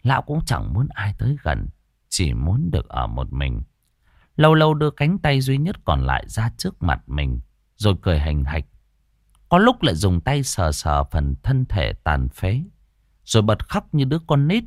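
Low-voiced man. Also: wildly swooping pitch, normal speed, no room sound, clean studio sound. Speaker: narrator. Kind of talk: storytelling narration.

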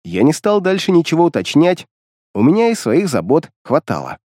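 A man reading a first-person fantasy story aloud in a wry, expressive storytelling manner. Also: a little high, moderate pace, clean studio sound. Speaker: audiobook narrator. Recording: long reverb.

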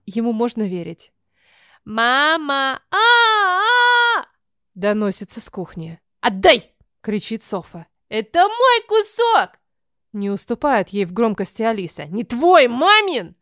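A woman narrating a first-person novel as an audiobook, expressive and acting out the dialogue. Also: medium pitch, no echo, studio quality.

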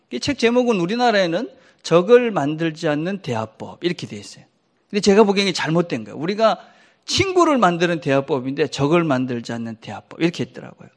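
A male pastor preaching a sermon, acting out quoted lines with sudden jumps in pitch and often checking in with the congregation.

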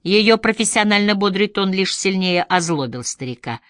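A woman narrating an audiobook in a measured storytelling manner. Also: medium pitch, lively intonation, a bit bright, dry recording, clean studio sound. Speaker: audiobook reader. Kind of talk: scripted narration.

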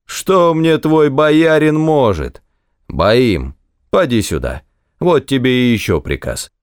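A man voicing a drunken, bullying male clerk who shouts coarse orders in an audiobook story. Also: mid-range voice, sing-song, slow, clean tone, no room sound, studio quality, pitched above the performer's own voice. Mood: drunken threats. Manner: shouting, coarse, slurred and bragging.

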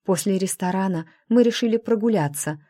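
A woman doing a protective, gently scolding older sister. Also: mid-range voice, brisk, no room sound, clean studio sound, pitched above the performer's own voice, natural voice. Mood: gentle, firm. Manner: gentle but firm, scolding softly. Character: caring, protective young woman, elder sister.

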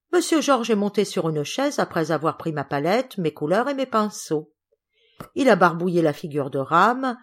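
A woman's voice: mid-range voice, close to an everyday voice. Woman reading a prim, indignant lady. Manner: indignant, accusing, precise. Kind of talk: audiobook character reading.

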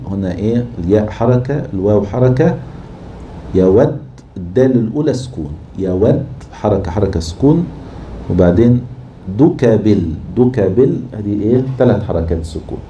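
Dark-voiced Egyptian man teaching verse meter. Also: fairly low pitch, lively intonation, highs cut off, slight background noise. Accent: Egyptian Arabic. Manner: slow, drawn-out chanting when scanning lines of poetry. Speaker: teacher of Arabic prosody. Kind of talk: classroom lecture scanning verse.

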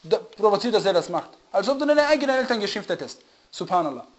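A man's voice: high voice, very animated. A man giving a religious lecture who often stops to search for the right word and checks whether listeners follow. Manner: often pauses to search for German words; asks listeners to confirm they follow. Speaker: religious teacher. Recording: dull lo-fi recording.

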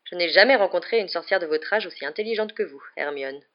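A woman voicing a grown male wizard teacher who speaks calmly with restrained emotion, on a slightly muffled recording. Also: fairly low pitch, quick pace, natural voice. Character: calm, weary adult male wizard teacher.

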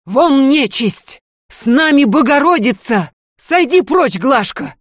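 A woman voicing a fierce old village wise woman with a hoarse, strange voice in a storybook reading. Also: fairly low pitch, animated, slow pace, dry recording, clean studio sound. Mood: stern.

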